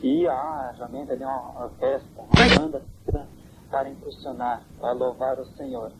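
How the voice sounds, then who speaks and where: A man's voice: mid-range voice, steady tone, normal speed. A man interviewing a church elder in a courteous, formal manner, heard on a hissy, worn old cassette tape. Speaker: priest interviewer.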